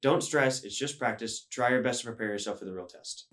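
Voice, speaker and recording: A man's voice: mid-range voice, brisk, fairly bright tone. A teenage boy reading the school news announcements as a student anchor in a studio. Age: teens. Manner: upbeat, reads announcements.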